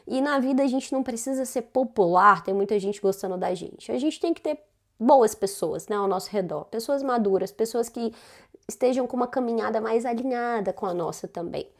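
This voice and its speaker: With a fairly high pitch, lively intonation, and a brisk pace, a woman with a Brazilian Portuguese accent gives casual self-development advice. She talks conversationally and regularly finishes sentences with tag questions.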